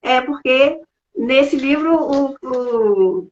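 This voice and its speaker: A woman's voice: sits high, animated, very slow, lo-fi sound. A woman hosting a live stream, playful and talking straight to her viewers. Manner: playful, addresses the audience directly. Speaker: host.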